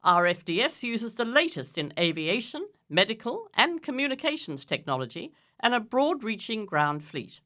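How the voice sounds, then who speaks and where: An older woman hosts a radio interview in a low, deep voice. She talks gently and haltingly, pausing often with fillers as she leads the conversation. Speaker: radio host.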